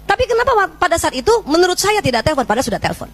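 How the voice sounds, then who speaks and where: Middle-aged woman giving a lively parenting sermon, high voice, acts out talks with her kid. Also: very fast. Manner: animated, acts out scenes with her child, addresses audience as Bu. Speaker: parenting speaker. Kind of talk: lively Islamic parenting talk to mothers.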